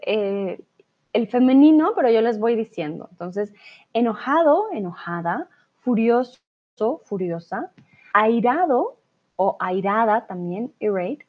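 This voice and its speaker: A woman with a Colombian accent teaching a live online Spanish lesson, patiently explaining and often checking in with her students. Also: a little high. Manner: patient, explains slowly with frequent "¿vale?" check-ins. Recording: tinny phone-like audio.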